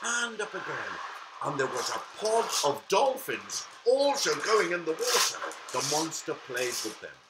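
A man's voice: a little high, sing-song, unhurried, hardly any pauses, very noisy. A man telling a children's story with dramatic, swooping emphasis. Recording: echoey room.

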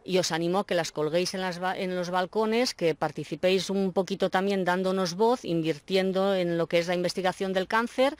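A woman's voice: on the low side, no room sound. A woman speaking for a cancer charity in a TV interview, earnest and encouraging as she speaks to viewers. The sound is close and dry, with no room around her. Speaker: charity association representative. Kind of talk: TV interview answer.

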